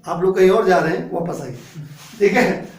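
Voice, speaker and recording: A man teaches physics in a classroom and walks through each point step by step, often checking that his students follow. His voice sits high for a man. The room is echoey and he sounds a little away from the mic. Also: normal speed. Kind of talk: classroom lecture. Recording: echoey room, voice a bit distant.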